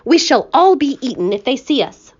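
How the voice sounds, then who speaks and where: A woman's voice: high-pitched, very animated, moderate pace, darkish tone, dull audio, pitched above the performer's own voice. A woman voicing a timid, fretful earthworm who scolds in a tense voice. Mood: scolding. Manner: anxious, scolding whisper.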